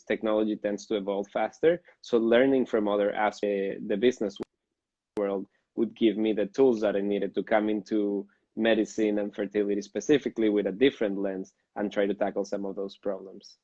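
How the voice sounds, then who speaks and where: A man in his thirties from Venezuela, a fertility doctor answering interview questions in a thoughtful, measured way. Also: fairly low pitch, fairly even intonation, dark tone, dry recording, muffled recording. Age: 30s. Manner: thoughtful, measured explaining with fillers.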